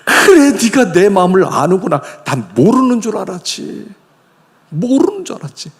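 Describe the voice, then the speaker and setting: A man's voice: big pitch swings, normal speed, creaky, breathy edge, exaggerated voice. A man voicing a pained, patient father who sighs over his lazy son. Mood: tender. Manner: soft, sighing, low. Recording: long church-hall reverb.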